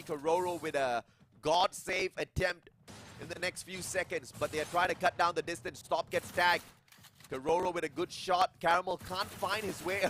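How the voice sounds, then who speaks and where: A man calling live esports play-by-play as an excitable commentator. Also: fairly high pitch, slight background noise. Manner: excitable, bursting into yells at big plays.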